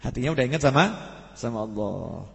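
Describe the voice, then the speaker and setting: Preacher in an echoing hall. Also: male voice, mid-range voice, lively intonation, fast, vocal fry. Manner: conversational, asks the audience questions. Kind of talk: sermon. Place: mosque study gathering.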